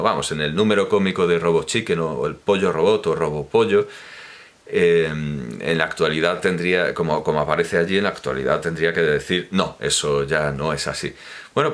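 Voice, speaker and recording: A man's voice: low voice, a bit bright. A man giving a pedantic, corrective spoken monologue, explaining points at length with hesitations and restarts. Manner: lecturing, didactic explanation. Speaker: commentator on language teaching. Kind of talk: spoken monologue, opinion talk.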